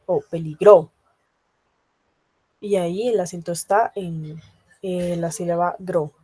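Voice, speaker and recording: A woman's voice: fairly low pitch, mellow, dry recording. A woman teaching a grammar lesson to a class, talking patiently with many hesitation fillers and often checking that students understand. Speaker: language teacher.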